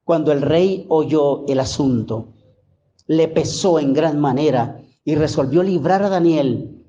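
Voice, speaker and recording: A male pastor preaching a sermon, reading scripture with slow, emphatic repetition and calling on the congregation to repeat after him. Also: a little high, dark tone, highs cut off.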